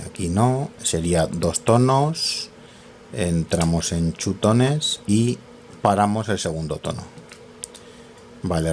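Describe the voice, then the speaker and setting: Low-voiced man hosting a relaxed hands-on radio gear tutorial, halting and self-correcting, faint background ambience. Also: a little hiss or hum. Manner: thinks aloud, self-correcting, many fillers. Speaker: radio equipment tutorial host. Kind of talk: casual hands-on equipment demonstration.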